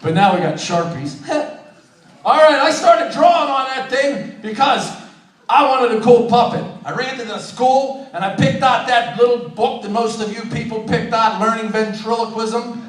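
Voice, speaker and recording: A man's voice: extremely high pitch, normal speed. A middle-aged man, a ventriloquist comedian, telling stand-up stories on a live stage and acting out the dialogue. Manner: animated, acts out remembered dialogue. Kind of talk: stand-up storytelling. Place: live stage at open mic. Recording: echoey live room, distant mic, crowd.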